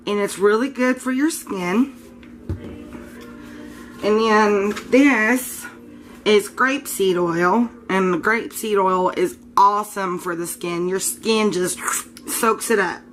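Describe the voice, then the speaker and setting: In her home kitchen, a woman who makes soap chats through an informal show-and-tell vlog, a little uncertain and often self-correcting. Her congested, scratchy voice is mid-range, slow and a bit bright, with faint music behind.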